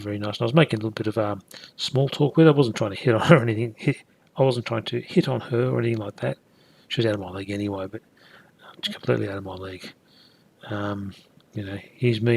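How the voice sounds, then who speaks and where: A man's voice: medium pitch, vocal fry, slightly rough. A man giving a blunt, repetitive, ranting vlog monologue. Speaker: vlogger. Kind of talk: casual monologue.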